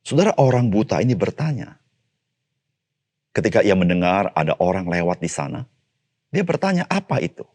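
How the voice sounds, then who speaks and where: Male pastor, low-pitched, animated sermon delivery that climbs for emphasis and sinks for asides. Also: normal speed, long pauses. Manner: addresses listeners as "Saudara"; swings between raised, emphatic calls and low, quiet asides. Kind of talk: devotional sermon.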